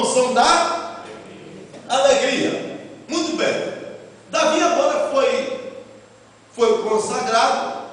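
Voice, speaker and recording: High-voiced fervent Brazilian pastor, echoey hall. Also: male voice, a little hiss or hum. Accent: Brazilian Portuguese. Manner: fervent, punctuated with exclamations of praise and rhetorical questions. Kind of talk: sermon. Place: church sanctuary. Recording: echoey hall from a distant mic.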